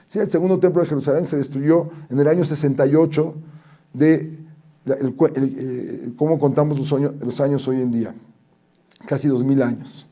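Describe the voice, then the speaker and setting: A man, a rabbi, giving a lesson as an animated storyteller who reads out Hebrew and Aramaic quotes. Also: fairly high pitch, moderate pace. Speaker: rabbi teaching.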